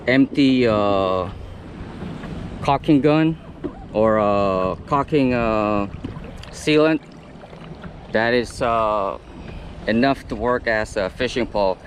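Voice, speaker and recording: A man narrating a casual vlog, halting and often pausing mid-sentence. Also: mid-range voice. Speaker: kayak fishing vlogger. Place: outdoors at a beach by the water. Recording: outdoor water and wind noise.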